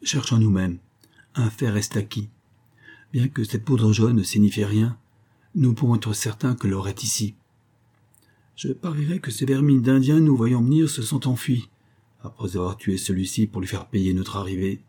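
A man voicing a gruff, commanding male convict leader who gives curt, imperious orders. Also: on the low side, normal speed, warm tone. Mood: scornful.

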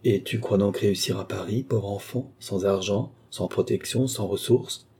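A man's voice: lowish voice, moderate pace, dark tone, husky. A man voicing a frank, friendly young army captain in an audiobook reading. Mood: cordial.

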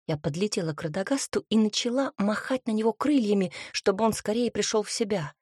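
Breathy woman narrating an audiobook. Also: mid-range voice, fairly quick, a little mellow, dry recording, studio quality. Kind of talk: first-person fantasy audiobook narration.

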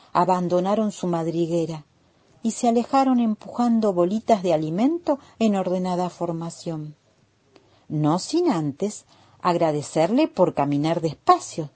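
Argentine woman storyteller, husky, lively pitch, slow radio read. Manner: gentle, unhurried, expressive reading.

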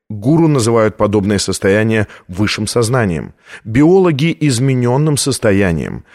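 A man's voice: mid-range voice, darkish tone, close to an everyday voice. A man reading an audiobook voices an older father and scientist explaining things patiently to his daughter.

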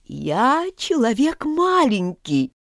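A woman voicing a nervous male hatter on trial, stammering and pleading slowly. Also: on the high side, wildly swooping pitch, no echo, studio quality, voice pushed up, heavily acted. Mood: fearful.

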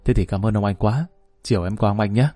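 A man's voice: lowish voice, quick pace, mellow, no room sound, natural voice. Give me a man voicing an obsequious male lackey, fawning, in a dry reading.

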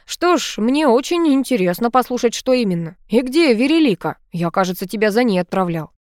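A woman's voice: fairly high pitch, big pitch swings, fairly quick, darkish tone, no room sound, studio quality. A woman voicing a hot-tempered male king who scolds and swears. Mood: angry.

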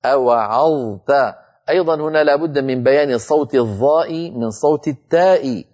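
Higher-voiced man teaching recitation, dull audio. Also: dark tone. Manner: explains patiently, slowly chanting recited examples to show the sounds. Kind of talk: televised recitation lesson.

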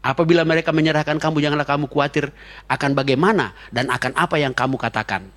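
Fast-talking joking male pastor. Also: fairly high pitch, a bit bright. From Indonesia. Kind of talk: sermon.

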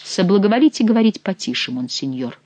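A man reading an audiobook and voicing a proud nobleman who speaks calmly and deferentially while holding his ground against a prince. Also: high-pitched, quick pace, dry recording, voice pushed up. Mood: calm, cold. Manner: calm, restrained, deferential on the surface, impassive. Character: cold, proud male nobleman, the prince's master of the hunt.

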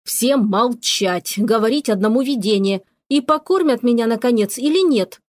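A woman's voice: on the high side, lively intonation, moderate pace, dry recording, close to an everyday voice. A woman voicing a stern witch, the mistress of the house, scolding and giving orders, in a storybook reading. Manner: scolding, commanding.

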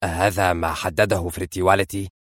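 An anxious, impatient spy agent, voiced by a man, presses for answers in a low, subdued voice, recorded close and dry. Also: little pitch movement, fast talker, no echo, natural voice. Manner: impatient, eager.

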